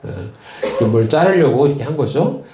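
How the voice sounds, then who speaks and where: A male pastor preaching a sermon, retelling stories slowly with frequent fillers and repeated words. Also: medium pitch, animated, dark tone, reverberant. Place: church.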